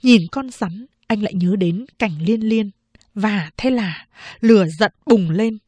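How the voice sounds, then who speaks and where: Slow, measured woman storyteller. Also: medium pitch, a little mellow, no echo. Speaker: audiobook narrator. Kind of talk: scripted narration.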